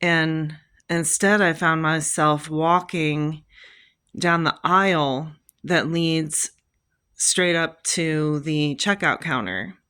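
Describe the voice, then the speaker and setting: Woman sharing a faith story at a slow, easy pace; acts out the people in it. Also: sits low, a bit bright, smooth. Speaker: speaker sharing a personal testimony. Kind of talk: casual spoken testimony.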